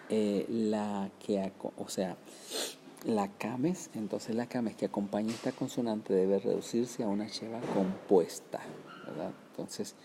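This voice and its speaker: A man's voice: lowish voice, fairly even intonation, unhurried, noisy background. A man teaching a Hebrew grammar lesson, explaining step by step, sounding out words syllable by syllable and checking with "¿verdad?".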